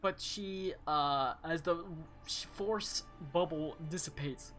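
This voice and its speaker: A man's voice: fairly high pitch, slow, a bit bright, soft background music. Casual man running a tabletop game. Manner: casual, many fillers, descriptive narration. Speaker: game master.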